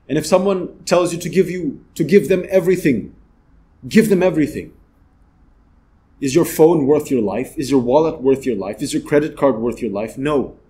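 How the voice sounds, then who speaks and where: A man's voice: medium pitch, mellow. A man from the Philippines, hosting a motivational vlog and giving earnest, big-brotherly advice. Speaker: channel host.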